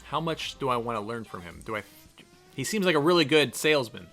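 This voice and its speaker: A man's voice: medium pitch, very animated, fairly quick, a bit bright, faint music behind. A man reading a text game aloud and thinking through his choices in a chatty let's-play style. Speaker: gamer reading and playing an interactive text game. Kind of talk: let's-play narration with casual commentary.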